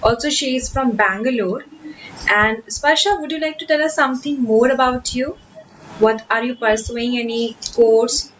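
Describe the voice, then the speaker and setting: Young indian english woman running an online class on a video call, bit high voice, faint hiss behind. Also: normal speed, a bit bright, rough recording. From Kolkata, India. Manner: encouraging, chatty, with fillers and restarts. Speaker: spoken English workshop host. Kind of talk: online class, casual teaching talk.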